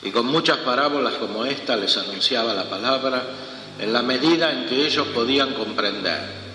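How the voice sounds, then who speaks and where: A priest with a male, mid-range voice that sounds pushed and bright reads the Gospel and preaches a homily in a large church. He speaks slowly and deliberately, leaving long pauses. The recording carries a long, echoing cathedral reverb and a faint room hum.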